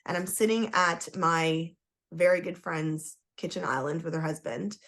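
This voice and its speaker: Speaking at a measured pace, a Trinidad and Tobago-born woman from Toronto talks in a lowish yet fairly bright voice. She's a guest on a podcast, a human design coach recounting her story with candor and emphasis and frequent "like" fillers.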